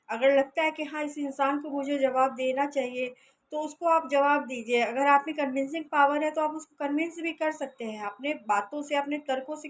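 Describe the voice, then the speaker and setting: High-voiced woman giving earnest business advice. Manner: earnest, persuasive, tells a fable. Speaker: network marketing motivational speaker. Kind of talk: casual motivational talk.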